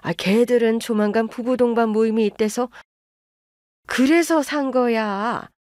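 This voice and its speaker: A woman's voice: fairly high pitch, unhurried, darkish tone, dry recording, clean studio sound, lightly acted. A woman voicing an older mother-in-law who plays favorites and brushes off complaints, in a storybook radio drama. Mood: dismissive. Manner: brushing off, self-justifying. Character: older mother-in-law, dismissive and favoring her elder son.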